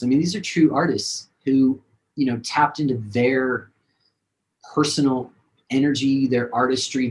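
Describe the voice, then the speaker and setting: A man's voice: medium pitch, rough recording. A man, a singer-songwriter, talking casually and rambling with many fillers in a video-call interview.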